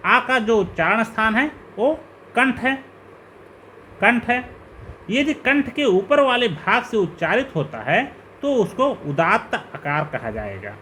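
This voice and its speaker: A male teacher gives a slow, step-by-step classroom lecture explaining grammar, moving through terms one after another. His high, lively voice sounds pushed and bright, rising on each question, with a faint hiss in the background.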